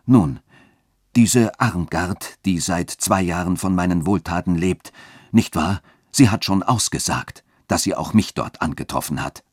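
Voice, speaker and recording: A man reading a story aloud and voicing a proud young widow who speaks calmly, coldly and firmly. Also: low-pitched, moderate pace, slightly rough, no echo, studio quality. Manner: calm, cold and firm. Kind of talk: literary reading.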